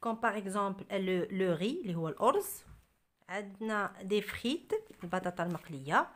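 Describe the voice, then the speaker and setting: A woman's voice: mid-range voice, animated, a bit bright. Patient Algerian woman tutoring. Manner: patient, spells and repeats words slowly. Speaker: tutor reviewing a French textbook with a child. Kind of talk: home tutoring, French and Arabic mixed.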